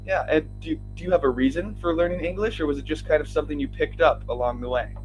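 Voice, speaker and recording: A man's voice: on the high side, quick pace, a little hiss or hum, low-quality recording. A man from Minnesota, tutoring English casually over a video call and laughing often. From Minnesota, United States. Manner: friendly, laughs often, asks easy questions. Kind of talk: casual conversation.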